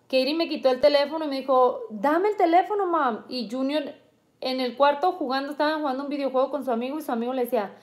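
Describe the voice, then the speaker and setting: Higher-voiced woman telling a family story. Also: steady tone, racing. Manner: vivid, earnest retelling with frequent restarts. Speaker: interviewee recounting a family illness; mother. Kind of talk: personal storytelling.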